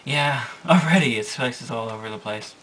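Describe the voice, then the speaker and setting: Young man, casual manga recap, rambling, bright voice, distant mic, faint hiss. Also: medium pitch, moderate pace. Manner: rambling, self-correcting, amused. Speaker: manga reviewer.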